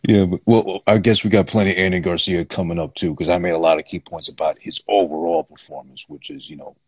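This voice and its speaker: A man's voice: sits low, steady tone, fast, breathy edge, dry recording. A man co-hosting a podcast, talking casually about a film with a critical, wry edge. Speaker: podcast co-host. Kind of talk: casual movie chat.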